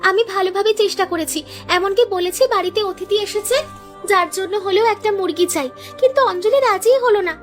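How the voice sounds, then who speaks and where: In cartoon dubbing, a woman with a very high-pitched voice plays a sly, bossy village woman who schemes and rushes her partner along. Her delivery is conniving, bossy and quick, with faint music in the background.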